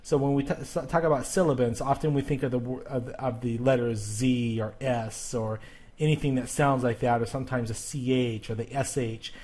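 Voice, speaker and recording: A man giving a recorded pronunciation lesson in a patient, step-by-step way. He often stops to check in with the listener. He says example words slowly and more than once. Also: medium pitch, fairly even intonation, a little mellow. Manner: patient, explains step by step with frequent checks like "okay?". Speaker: teacher. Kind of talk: spoken grammar lesson.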